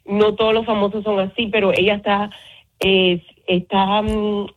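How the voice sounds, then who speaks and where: A woman psychologist calmly explaining family relationships as a guest on a radio talk show. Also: medium pitch, normal speed. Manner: calm, explanatory, mixes in English words. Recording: phone line.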